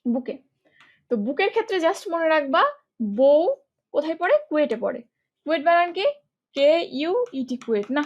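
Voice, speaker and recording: Chatty woman teaching spelling, high voice. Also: expressive, moderate pace, pauses often, dull audio. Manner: chatty, playful mnemonics, quizzing students. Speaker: English teacher. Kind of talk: online spelling class.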